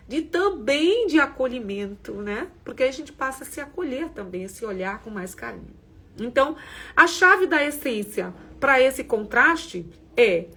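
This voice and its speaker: A woman hosting a reflective self-development talk, speaking gently and conversationally with frequent asides to her listeners. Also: fairly high pitch, breathy edge. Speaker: host of a women's self-development community.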